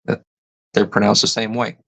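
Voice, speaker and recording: A man's voice: lowish voice, flat delivery, moderate pace, vocal fry, fairly bright tone, rough recording. A man hosting a casual livestream, reading viewer comments and musing aloud, often stopping to rethink his words. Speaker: livestream host.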